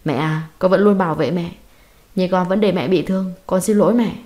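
A woman voicing a cold, commanding young man who grieves quietly over his mother. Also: on the low side, a little fast, natural voice. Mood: grieving.

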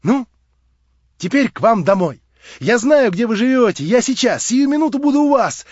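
A man reading an audiobook, voicing a lively, playful young woman who calls out in high, eager bursts. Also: moderate pace, no room sound, exaggerated voice. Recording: dry, slightly dull audiobook recording.

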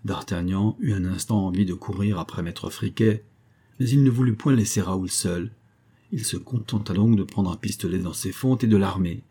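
Low husky male audiobook narrator. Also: moderate pace, warm tone. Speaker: audiobook reader.

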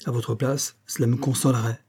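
Man voicing a self-assured, teasing young wife in a storybook; warm, husky tone, brisk and a little mocking. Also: mid-range voice, little pitch movement.

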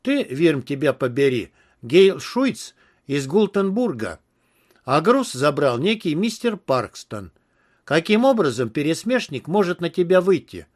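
Man doing a brash bull-man detective, mocking, jovial, lively voice, audiobook. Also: high voice, normal speed. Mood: exasperated. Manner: jovial, teasing, then weary.

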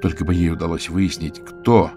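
A man reading a cozy mystery audiobook as narrator, telling it with expressive storytelling. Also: deep voice, normal speed, soft background music. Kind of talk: scripted narration.

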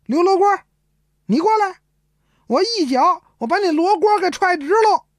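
A woman voicing a man who pretends to be mad, raving and hurling loud insults. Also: very high-pitched, expressive, normal speed, no room sound, clean studio sound, pitched above the performer's own voice. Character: wild man feigning madness, cursing.

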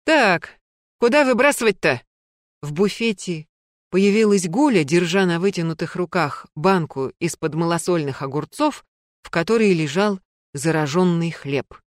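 A woman narrating a story in an even, measured audiobook style. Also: on the low side, no room sound, studio quality.

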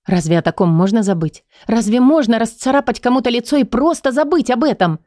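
A woman's voice: on the high side, brisk, mellow, no echo, clean studio sound. A woman narrating a first-person audiobook, emotively voicing the troubled heroine's thoughts and lines.

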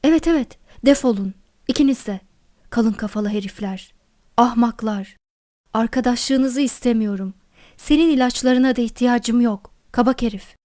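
A woman voicing an agitated middle-aged male doctor who shouts insults indignantly. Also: on the high side, steady tone, moderate pace, close to an everyday voice. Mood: furious.

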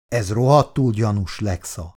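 A man's voice: lowish voice, a little mellow, husky. A male narrator voicing a suspicious, grumbling male colonist who mutters his lines.

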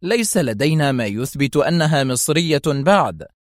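A man reading a story aloud, voicing a calm, stern and mocking male station chief who answers with provoking indifference. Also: fairly high pitch, moderate pace, dry recording, clean studio sound, close to an everyday voice. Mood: cold.

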